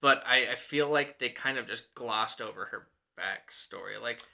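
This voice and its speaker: A man's voice: mid-range voice, moderate pace, gravelly, bright, forceful tone. A young man co-hosting a casual movie discussion, hesitant and full of restarts and "like" fillers. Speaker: podcast co-host.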